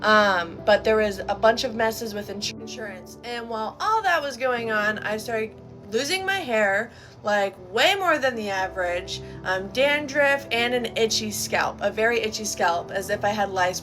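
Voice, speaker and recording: Candid young woman with a higher-pitched voice. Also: normal speed, music in the background. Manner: candid, chatty, informal. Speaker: vlogger sharing a personal health story. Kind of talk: casual personal storytelling to camera.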